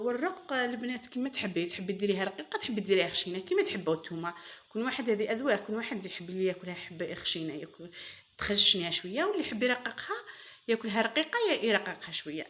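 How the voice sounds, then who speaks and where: A woman's voice: medium pitch, lively intonation, very fast, fairly bright tone. A woman with an Algerian Arabic accent hosting a cooking channel, chatty and enthusiastic, talking viewers through a recipe as she works. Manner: chatty, addresses viewers as girls, enthusiastic praise. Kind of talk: casual cooking demonstration.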